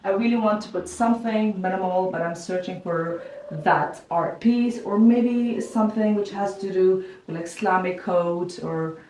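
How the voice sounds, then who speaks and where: Giving a relaxed house tour through her living room and bedroom, this vlogger from Kazakhstan speaks at a moderate pace in a medium-pitched voice, her native tongue being Kazakh. Her talk is chatty and full of "like" fillers. The room echoes, the microphone is far off, and there's a faint hiss or hum.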